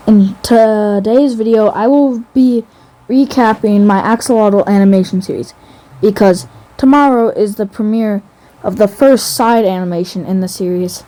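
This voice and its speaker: A woman's voice: mid-range voice, dark tone. A woman casually narrating a recap of her own animation series, rambling with many fillers and restarts.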